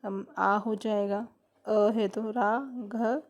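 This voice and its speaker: A woman's voice: medium pitch, steady tone, very slow, dull audio. A woman teaching a grammar lesson, explaining step by step and repeating questions back to her students.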